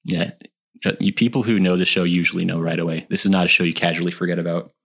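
A man co-hosting a podcast, chatting casually and enthusiastically, laughing often and filling pauses with "like" and "uh". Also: deep voice, fairly even intonation, gravelly, fairly bright tone, breathy edge. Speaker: podcast co-host. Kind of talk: casual chat.

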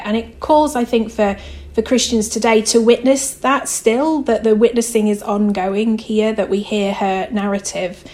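A woman's voice: medium pitch, darkish tone. A woman author and theologian answering interview questions in a reflective way, thinking aloud as she goes.

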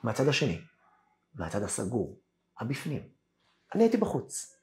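A man teaching a Torah lesson as a rabbi, telling a long story and acting out what each person said. His pitch jumps around a lot as he tells it, and he does the other people's lines himself. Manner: animated storyteller acting out quoted dialogue.

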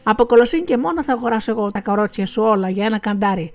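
A silver-tongued male swindler from a storybook, feigning pity in a soft, honeyed manner. A woman narrates him, sliding into his smooth false kindness. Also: fairly high pitch, animated.

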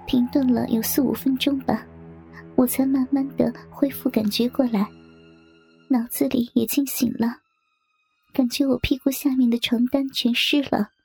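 A young woman reading a story aloud in hushed, intimate whispered narration. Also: high-pitched, little pitch movement, moderate pace, soft background music. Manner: hushed, intimate, breathy delivery.

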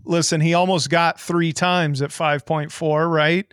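A man hosting a fantasy sports podcast with lively banter and brash, boastful showman patter. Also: on the high side, a little slow, clean tone, no echo, studio quality. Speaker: podcast host.

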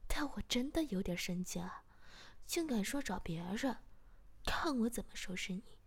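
A woman's voice: medium pitch, lively intonation, normal speed, husky. A woman voicing a teasing, domineering man in whispered role-play, with a bossy manner.

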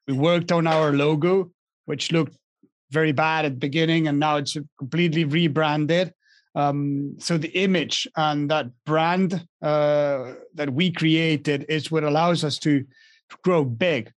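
Young Argentine-born man, halting speech. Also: on the high side, steady tone, no echo, clean studio sound. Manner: halting, many restarts and fillers. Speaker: guest. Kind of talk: casual interview over a call.

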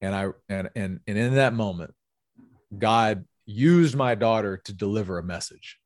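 A man's voice: fairly low pitch, normal speed, no room sound, clean studio sound. Earnest man telling a personal story. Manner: earnest storytelling, with frequent repeated words. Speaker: guest, sales executive. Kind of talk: personal story in a podcast interview.

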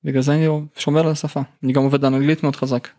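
Creaky-voiced man with a Russian accent. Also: mid-range voice, level tone, mellow, no echo, clean studio sound. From St Petersburg, Russia. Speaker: musician, interview guest. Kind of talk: casual interview talk.

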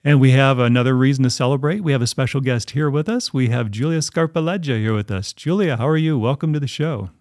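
A man's voice: medium pitch, fast talker, few pauses, darkish tone, dry recording, studio quality. A man hosting a podcast, upbeat and enthusiastic while chatting with guests. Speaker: podcast host. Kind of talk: casual interview chat.

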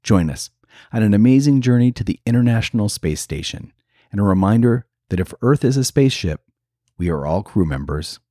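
A man reading a scripted podcast introduction with measured, dramatic emphasis. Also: lowish voice, expressive, mellow, no room sound, studio quality. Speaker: podcast host.

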